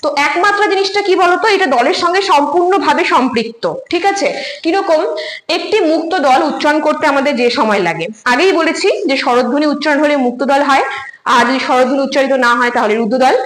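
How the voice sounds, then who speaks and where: A woman's voice: sits high, expressive, fast talker, a bit bright, echoey room, low-quality recording. A woman teacher giving an online lecture, explaining terms step by step, often repeating key words and checking whether students follow. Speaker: Bengali literature teacher.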